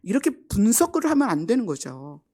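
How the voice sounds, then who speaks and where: A middle-aged woman pastor giving a conversational sermon at a Friday prayer meeting, acting out quoted lines and dropping into soft asides. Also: medium pitch, sing-song, brisk, husky. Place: church sanctuary.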